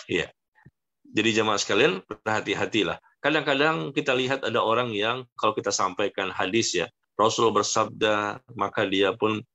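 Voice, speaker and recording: A man's voice: on the low side, pushed and bright. A man preaching a sermon to a congregation, earnestly warning and rising to emphatic peaks.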